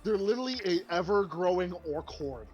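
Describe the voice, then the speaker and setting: Excitable, profane co-host with a high voice, dull lo-fi sound and faint music behind. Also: male voice, fairly quick. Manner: excitable, swears freely, repeats himself. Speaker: podcast co-host. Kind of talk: casual chat.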